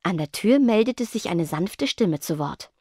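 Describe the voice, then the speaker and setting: A woman reading an audiobook as narrator with lively storytelling. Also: mid-range voice, a little slow, no echo, studio quality. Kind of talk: scripted narration.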